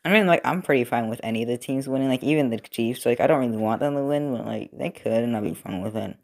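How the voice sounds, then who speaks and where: This young man, a robot-building video creator, talks fast at a medium pitch with vocal fry, rambling casually as he works on a build. He uses lots of fillers and keeps restarting to correct himself, and a football game plays on TV in the background.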